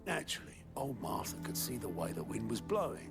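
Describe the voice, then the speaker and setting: An actor playing a blunt, coarse male informant in a video game, speaking in low conspiratorial tones. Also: sing-song, moderate pace. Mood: angry. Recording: game audio with music behind.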